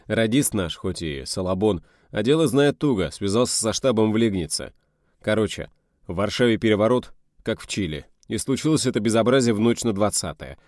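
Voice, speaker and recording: A man's voice: fairly low pitch, expressive, brisk, a little mellow, dry recording, clean studio sound, close to an everyday voice. A man reading the part of a curt, wry middle-aged army major giving orders in an audiobook. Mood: briefing.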